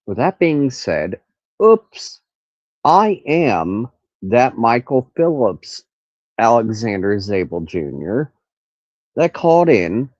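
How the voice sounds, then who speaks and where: A man with a nasal, medium-pitched voice hosts a rambling, casual true crime livestream from an outdoor carport in the country, stopping now and then to look things up. He speaks slowly with big pitch swings and a darkish tone, and crickets and cicadas chirp behind him. The audio is dull, with no echo.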